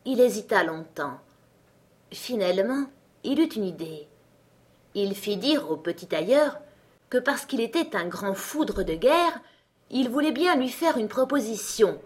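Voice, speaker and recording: A woman reading a fairy tale aloud as a storyteller, with lively, dramatic emphasis. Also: a little high, unhurried.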